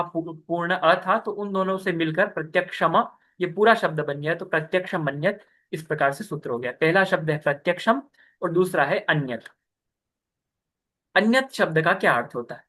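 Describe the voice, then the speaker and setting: Sitting high with a sharp tone, the young man's voice carries a scripture class held over video call. He explains patiently and step by step, pausing often to check on his students with "ठीक है".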